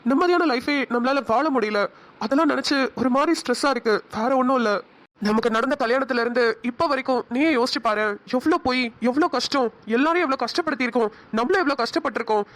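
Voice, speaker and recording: A woman voicing an earnest, hot-tempered young husband in a cartoon, talking quickly. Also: sits high, lightly acted. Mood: tender, pleading. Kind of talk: cartoon voice acting.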